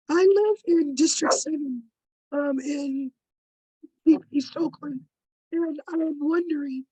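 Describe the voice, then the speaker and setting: A woman with a hoarse, raspy voice that is giving out, politely and haltingly asking a question at an online meeting. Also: high-pitched, warm tone, no echo, low-quality recording. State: losing her voice, hoarse. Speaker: audience member asking a question.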